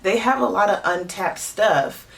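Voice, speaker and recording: Woman vlogger, chatty and opinionated, mid pitch, sits back from the mic. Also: a little slow, creaky, recorded from a distance. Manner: chatty and animated, many "you know" fillers; opinionated, exasperated asides. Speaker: TV show reviewer. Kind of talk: casual review vlog.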